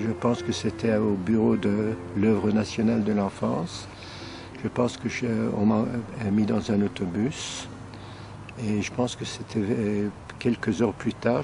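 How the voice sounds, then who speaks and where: An older man, born in Belgium, gives halting testimony about his wartime childhood. His voice sits low and gravelly. A faint hum runs underneath. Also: fairly even intonation. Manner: hesitant, searching for words. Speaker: interviewee, former hidden child. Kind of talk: recalled testimony.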